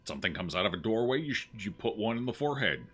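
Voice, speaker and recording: A man's voice: lowish voice, sing-song, fast talker, a bit bright, husky, soft background music. A man hosting a gaming video, giving casual, wry and joking commentary as he plays.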